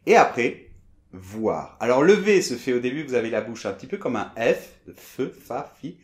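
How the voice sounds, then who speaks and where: A French man teaching French pronunciation, explaining sounds and repeating them slowly for learners. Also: mid-range voice, very animated, roomy sound. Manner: demonstrates sounds, repeats them slowly, often asks d'accord.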